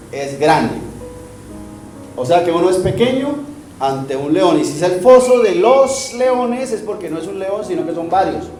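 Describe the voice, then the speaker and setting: A man's voice: high voice, dark tone. A Colombian man preaching a sermon as pastor, playful and joking, asking the congregation rhetorical questions in a church hall with a roomy sound and faint music.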